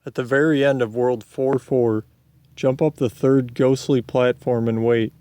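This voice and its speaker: A man reading scripted video game narration in a deadpan manner, with casual asides. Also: mid-range voice, measured pace, smooth, no echo.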